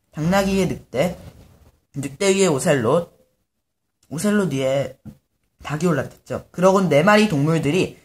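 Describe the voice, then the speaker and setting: A man casually narrating a fairy tale, improvising loosely and correcting himself along the way. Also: on the high side. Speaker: storyteller.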